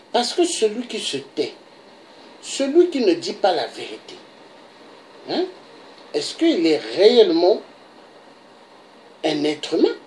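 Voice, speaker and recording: A political commentator from DR Congo delivers an impassioned monologue, pressing her points emphatically and often tagging them with a rhetorical "hein?" for emphasis. Her voice is on the low side and warm in tone.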